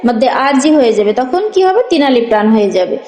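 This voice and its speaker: A woman teaching Quran reading, spelling out syllables slowly and then explaining the rules briskly. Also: high-pitched, lively intonation, dark tone. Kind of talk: slow spelled-out recitation lesson. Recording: echoey room with long reverb.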